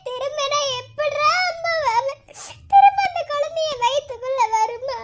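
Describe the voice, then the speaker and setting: Squeaky sobbing cartoon wife. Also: female voice, unhurried. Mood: tearful. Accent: Madurai Tamil. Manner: sobbing, scolding, childlike whine. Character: tearful young wife grieving a lost baby. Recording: loud background noise.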